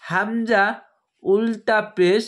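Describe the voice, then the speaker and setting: Very slow, deliberate male reading teacher. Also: high-pitched, fairly even intonation. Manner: drawn-out, deliberate spelling of letters. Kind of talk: slow recitation lesson.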